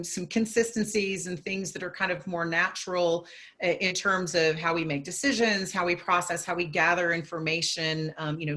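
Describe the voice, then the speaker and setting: A woman's voice: lowish voice, fairly bright tone. Woman moderating a business panel. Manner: conversational, asks questions. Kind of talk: panel discussion.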